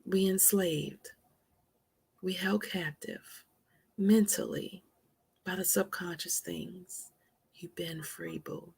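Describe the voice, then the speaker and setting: A woman hosting a motivational live stream, dropping to soft whispers for emphasis and calling listeners honey. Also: lowish voice, steady tone, takes it slowly, gravelly, long pauses, slightly rough.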